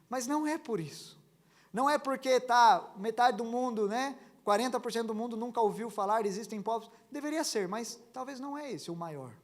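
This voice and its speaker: A young man preaching a sermon, passionate, slowing down to stress points and telling stories with lively energy. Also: very high-pitched. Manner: passionate, slows down for emphasis, then tells stories animatedly. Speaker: pastor.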